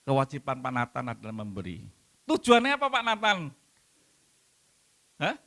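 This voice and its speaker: Lively male preacher. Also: medium pitch, normal speed. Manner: animated, conversational, questions the congregation. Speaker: pastor. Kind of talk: sermon.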